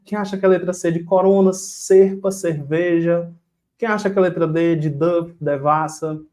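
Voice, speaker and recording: A man's voice: fairly high pitch, steady tone, normal speed, a little mellow. A man teaching an online exam-prep grammar lesson, quizzing the viewers and drilling rules with repetition and a rhyme.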